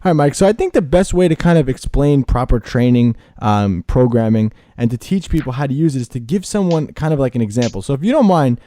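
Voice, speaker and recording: A podcast host in his late twenties speaks in a relaxed, matter-of-fact way. His voice is deeply mellow and dark. The sound is dry with no room echo. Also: fairly quick, hardly any pauses. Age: late 20s. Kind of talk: casual podcast interview.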